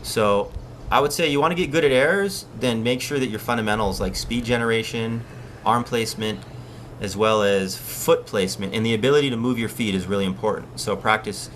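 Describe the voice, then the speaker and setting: A man from Hawaii hosts a casual surf live stream, chatting and answering viewers' questions in a relaxed way. His voice sits low. A faint outdoor ambience runs under it. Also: a little fast, a little hiss or hum.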